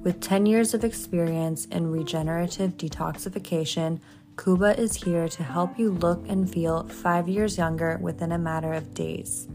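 Woman, podcast host, scripted intro, low voice, clear music underneath. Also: steady tone, normal speed, dark tone. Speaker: podcast host and health coach. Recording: music playing behind voice.

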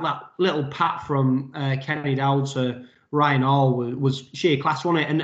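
A man breaks down rugby league plays with his co-host, chatty and full of fillers. His voice sits a little high. The audio is slightly muffled and roomy. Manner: chatty, analytical, many fillers. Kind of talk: casual sports chat. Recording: dull roomy podcast audio.

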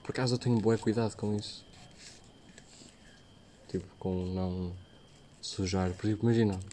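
A man's voice: on the low side, steady tone, normal speed, dark tone. A young man with a European Portuguese accent chats casually and full of slang as a podcast co-host, recorded outdoors while walking. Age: young adult. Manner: slangy, peppered with filler words. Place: outdoors, walking along streets. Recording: noisy on-the-move ambient recording.

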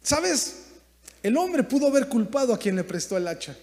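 A man preaching a sermon as pastor, in impassioned bursts that drop to quiet asides. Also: very high-pitched, sing-song, normal speed. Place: church sanctuary. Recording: long hall reverb.

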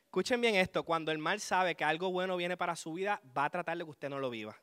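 A man, giving a lively spoken testimony to a congregation and chuckling as he tells his story. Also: high voice, quick pace, clear, resonant tone.

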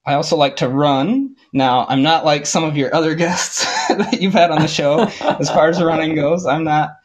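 A man in his twenties from Ohio, a podcast guest, answering in a relaxed way with frequent laughs and ums. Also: a little high, normal speed. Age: 20s. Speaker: guest, audio engineering tech. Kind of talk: casual interview chat.

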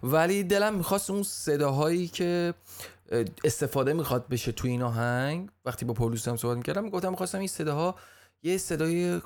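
A man hosting a podcast, retelling a story in a chatty, casual way, often tripping over words and restarting, with joking asides. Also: fairly high pitch. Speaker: podcast host.

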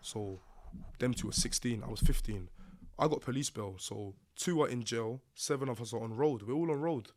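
A podcast guest with a London accent tells a personal story in a casual setting, speaking roadman street talk packed with slang. His medium-pitched voice has a darkish tone and moves at normal speed.

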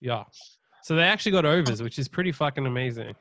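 A man's voice: medium pitch, animated, fast talker, fairly bright tone, no room sound. A man hosting a podcast in casual sports betting banter, teasing and swearing freely. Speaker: podcast host.

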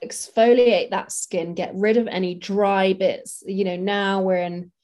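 A woman's voice: mid-range voice, steady tone, measured pace, a little mellow. A woman, a makeup artist, talking casually and practically in an interview, with many fillers.

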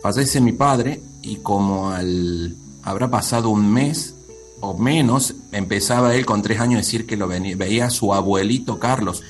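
A man hosting a conversation, earnestly telling a personal family story on a video call. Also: on the low side. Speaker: host. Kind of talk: casual chat.

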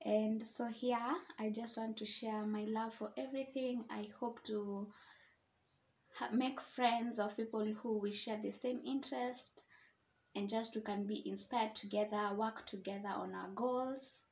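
A woman's voice: fairly high pitch, steady tone, unhurried, a little mellow. Young Kenyan-accented woman, casual podcaster. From Nairobi, Kenya. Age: 20s. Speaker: podcast host. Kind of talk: casual personal introduction.

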